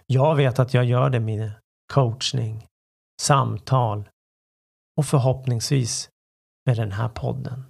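A man who works as a life coach, hosting his own self-help podcast in a calm, reflective way and speaking straight to the listener. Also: mid-range voice, gravelly, long pauses.

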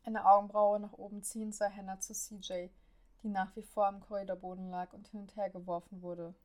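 Woman narrating a story in a flat voice. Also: mid-range voice, fairly quick. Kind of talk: audiobook narration of an amateur story.

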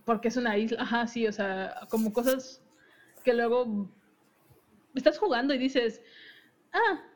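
Game lore gets a casual, giggly treatment from a young woman hosting a podcast, who chats away and keeps interrupting herself to restart. She speaks at a measured pace with a fairly high pitch, recorded in dull lo-fi sound.

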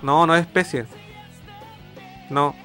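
A man's voice: a little high, steady tone, slow, sharp tone, soft background music. A man with a Chilean accent co-hosting a stream in casual chat, slangy and often groping for words with restarts. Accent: Chilean Spanish. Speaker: streamer co-host.

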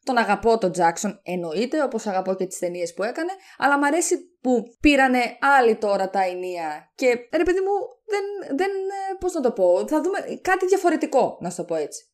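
A woman co-hosting a relaxed podcast conversation. She sounds tired and low on energy, but she talks at length with a fan's eagerness. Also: hardly any pauses. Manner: enthusiastic fan, chatty and animated. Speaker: podcast co-host. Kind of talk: casual podcast chat.

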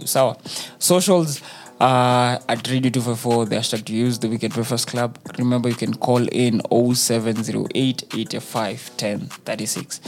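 A man's voice: mid-range voice, vocal fry. A man with a Kenyan accent hosting a radio show in casual, slangy chat, playfully repeating phrases for emphasis. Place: radio studio. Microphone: studio microphone. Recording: music playing behind the voice. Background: music.

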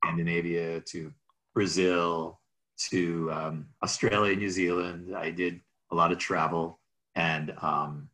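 Slow and fairly even in intonation, this low, bright, forceful voice belongs to a middle-aged man from Minnesota, USA, raised speaking Greek. In a relaxed interview, he rambles, restarts, and chuckles while telling stories.

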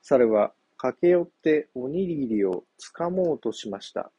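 A man narrating a children's folk tale in a gentle, unhurried reading voice. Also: mid-range voice, animated, husky, dry recording. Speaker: storyteller.

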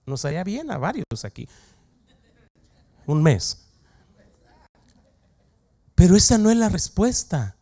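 A man pastor delivering a lively, humorous sermon, acting out quoted voices and joking with the congregation. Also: high-pitched, slow pace, pauses often.

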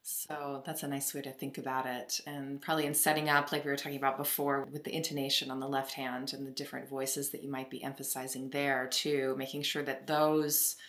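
A woman's voice: a bass voice, level tone, fairly quick, hardly any pauses, fairly bright tone. A woman hosting an interview podcast, asking engaged, friendly questions. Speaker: podcast host. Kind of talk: interview talk. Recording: roomy echo.

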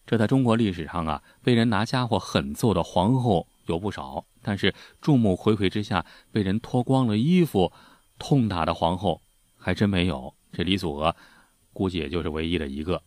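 A man's voice: sits low, animated, normal speed, darkish tone, no room sound, clean studio sound. A man telling history stories in a folksy, chatty way, full of spoken filler particles. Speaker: history storyteller. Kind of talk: casual spoken history storytelling.

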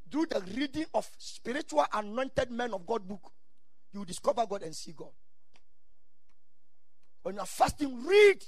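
A man with a Ghanaian accent preaching a sermon in exhorting, repeated short phrases, mixing English with Ghanaian Pidgin and Twi. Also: very high voice.

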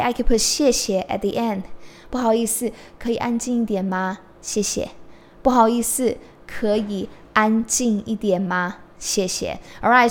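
Speaking in a slightly high voice, a Chinese teacher and podcast host gives a casual language lesson on Chinese phrases. A native Mandarin speaker, she moves back and forth between English explanations and slow demonstrations of the Chinese.

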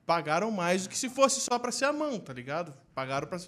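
A man's voice: sits high, sing-song, a little fast, fairly bright tone. A man hosting a casual podcast who teases and jokes while asking questions. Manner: joking, teasing interviewer.

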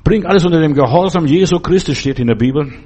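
A man's voice: a little high, lively intonation, fast, warm tone, husky. A man preaching a sermon, speaking emphatically and addressing the listener directly with repeated questions.

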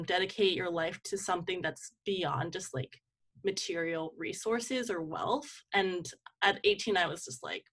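Speaking in a sharp-toned, mid-range voice, this young woman appears as a guest in an interview. A community organizer and campaign manager, she reflects casually and keeps slipping "like" into what she says.

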